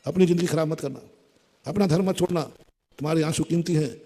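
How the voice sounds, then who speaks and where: A man giving a sermon as a spiritual guru. He urges listeners emphatically and repeats his points, moving between loud exhortation and soft pleading. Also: a little high, quick pace. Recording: long hall reverb.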